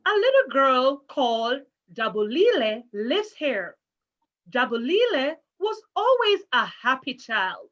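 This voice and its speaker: Over a muffled video call, a woman who teaches primary school leads an interactive read-aloud for children at a virtual story time, sounding encouraging and careful. She has a high, fairly bright voice and speaks slowly in a sing-song way.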